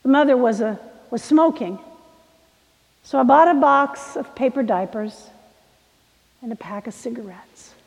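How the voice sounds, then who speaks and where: A woman preacher tells a sermon story in a slow, dramatic way, dropping to a hush and then pressing hard on key words. Her voice sits fairly high, and a long reverb hangs after each phrase. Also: gravelly. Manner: dramatic, shifts from hushed to emphatic.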